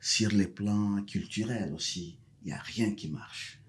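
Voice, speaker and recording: A male professor from South Kivu in the DR Congo, a Mashi speaker, is a guest answering interview questions. His voice is husky, fairly low and unhurried, and he starts hesitantly before moving into emphatic repetition.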